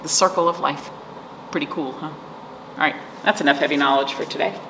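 In a low, fairly quick voice, a middle-aged woman leads a virtual storytime with rhymes and read-alouds, keeping explanations simple and checking in with the young children through questions. She's a children's librarian, seated in a small indoor library room. Echo and background noise fill the recording.

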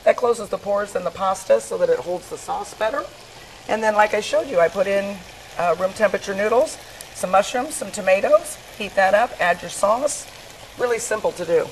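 A woman's voice: mid-range voice, moderate pace, slight background noise, low-quality recording. Upbeat woman cooking in a kitchen. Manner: upbeat, eager, laughs easily. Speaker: restaurant cook. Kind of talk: cooking demo chat. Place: restaurant kitchen. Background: food sizzling on the stove.

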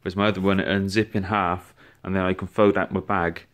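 A low, fairly quick male voice narrates a laid-back walkthrough of outdoor gear, recorded on a handheld phone camera inside the house. The reviewer is chatty and relaxed, often backing up to restart what he's saying.

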